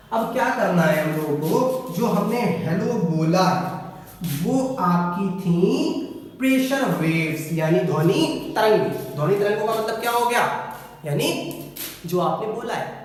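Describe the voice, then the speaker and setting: A high-pitched male teacher explains a physics lesson playfully, asking his class questions and answering them himself. His voice sounds far from the mic in an echoey room with a long reverb tail. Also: slight background noise. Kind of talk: classroom lesson with student-style replies.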